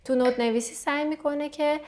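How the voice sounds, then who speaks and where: A woman's voice: sits high, steady tone, darkish tone, slight background noise. A woman teaching santur, patiently explaining meter and counting beats aloud between her explanations. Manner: counts beats aloud and sings note names; patient, explanatory, with fillers and restarts. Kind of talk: music lesson explanation.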